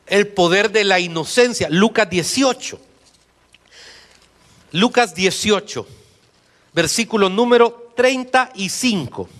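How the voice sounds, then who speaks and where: High-voiced man preaching a sermon. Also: expressive, takes it slowly, long pauses, fairly bright tone. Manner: preaching with questions to the congregation. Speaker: pastor. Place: church.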